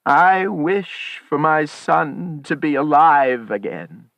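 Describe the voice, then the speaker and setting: A man's voice: on the high side, lively intonation, takes it slowly, vocal fry, a bit bright, no echo, voice pushed up, heavily acted. A man doing a trembling, frightened old man. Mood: fearful. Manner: shaking, weak.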